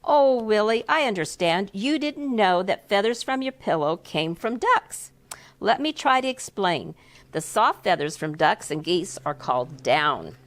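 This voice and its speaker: A woman author reads her picture book aloud to young children in a school classroom. Her delivery is expressive and animated, with the pitch swooping widely, sitting at an ordinary middle height. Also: measured pace.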